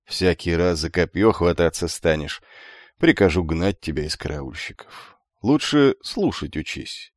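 A man doing a gruff nasal old guard chief. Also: deep voice, lively intonation, a little slow, dry recording, clean studio sound. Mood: grumbling. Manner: scolding, gruff. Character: grumpy gruff older male gate-guard chief.

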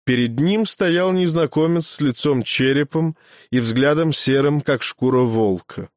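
A man reading an audiobook as a measured storyteller. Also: on the high side, dry recording, studio quality. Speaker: audiobook reader. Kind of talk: scripted narration.

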